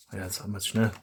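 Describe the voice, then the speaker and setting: A man's voice: lowish voice, very noisy. A man, a hobby YouTuber chatting casually as he reviews toy blasters, rambling and correcting himself aloud.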